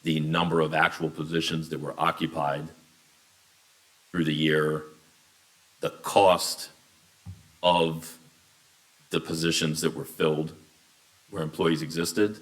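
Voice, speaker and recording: A man speaking for a union coalition in a bargaining session, measured and deliberate, slowing down to dictate data requests in a meeting room. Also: a bass voice, flat delivery. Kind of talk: formal negotiation statement.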